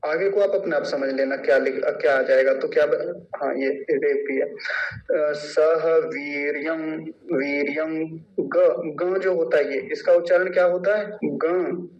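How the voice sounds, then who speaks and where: Slow, distant man teaching pronunciation. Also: fairly high pitch. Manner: slow, drawn-out syllable-by-syllable demonstration. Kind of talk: online class lesson. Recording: distant, dull lo-fi mic.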